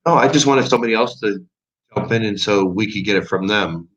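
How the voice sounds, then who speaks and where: A man with a lowish, fairly bright voice talks a little fast as he co-hosts a livestream test. He chats casually and sounds easygoing, and the audio has a lo-fi livestream quality.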